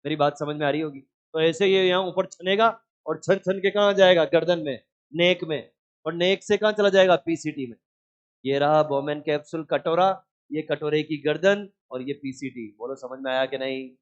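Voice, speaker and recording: A fairly high-voiced man teaches a biology class in a classroom, keeping it lively by quizzing his students and answering the questions himself. He also scolds anyone who isn't paying attention. The recording is dull and lo-fi. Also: normal speed. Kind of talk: classroom lecture.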